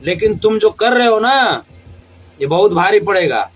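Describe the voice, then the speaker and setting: A singer with a high-pitched, husky, somewhat bright voice and a Bhojpuri accent rants to a live social media audience. He's combative and defiant, speaking animatedly but a little slowly and hammering his points by repeating phrases.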